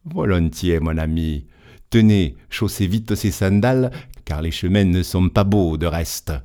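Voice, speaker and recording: A man voicing a kindly old male saint who keeps heaven's gate, speaking gently and patiently in a told tale. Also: low voice, expressive, unhurried. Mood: gentle. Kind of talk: audiobook storytelling.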